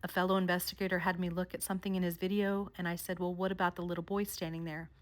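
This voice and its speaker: A woman vlogger narrating a countdown of haunted places in a measured storytelling way. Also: lowish voice, level tone. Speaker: paranormal vlogger. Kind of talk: scripted narration.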